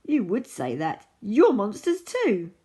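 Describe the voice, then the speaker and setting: A woman voicing a cross, indignant male rabbit in a storybook reading, with a raspy voice. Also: mid-range voice, huge pitch swings, takes it slowly, mellow, voice pushed up, full character voice. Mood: accusing.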